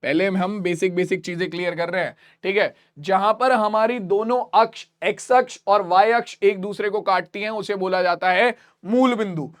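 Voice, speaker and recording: High-voiced man teaching math. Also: steady tone, moderate pace, few pauses, smooth. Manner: repeats key points and quizzes students. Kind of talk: classroom math lesson.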